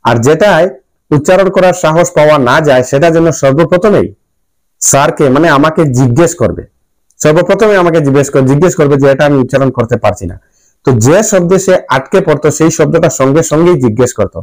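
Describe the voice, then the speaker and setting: A man's voice: fairly high pitch, quick pace, no echo, rough recording. A man with a Bangladeshi Bengali accent, a teacher earnestly explaining how he tutored a pupil, often repeating his phrases. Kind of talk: spoken account to camera.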